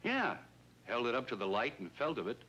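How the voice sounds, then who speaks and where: A full character voice: medium pitch, sing-song and fairly quick, with a sharp, husky tone. The man is a wary, folksy shopkeeper robbed by a swindler in a 1950s police drama, hesitant and plain-spoken in an earnest, rueful mood, captured on a noisy old soundtrack.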